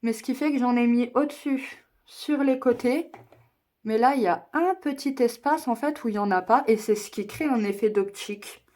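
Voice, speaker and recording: A woman's voice: on the high side, normal speed, darkish tone. A young woman chatting her way through a makeup tutorial, explaining each step and joking at her own expense. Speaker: beauty vlogger.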